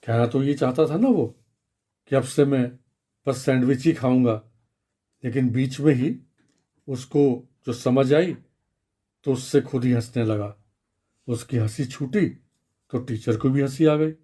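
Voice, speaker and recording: A man reads his own children's story for radio, lively and talking straight to the kids listening. His voice is mellow and soft, at an ordinary middle pitch. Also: a little slow, pauses often. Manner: lively, addressing children directly.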